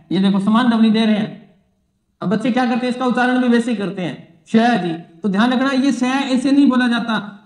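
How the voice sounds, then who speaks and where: A man teaching an exam-prep psychology lesson, repeating key phrases and asking and answering his own questions. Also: extremely high pitch. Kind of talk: exam-prep classroom lecture. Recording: echoey room.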